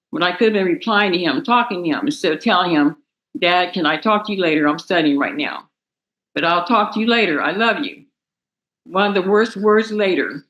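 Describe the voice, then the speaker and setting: Young adult woman, strained and bright, reads a grieving statement at a courtroom mic, falters and restarts. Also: lowish voice, poor audio. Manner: emotional, halting, restarts words. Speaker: victim's daughter giving impact statement. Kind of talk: reading a prepared statement aloud.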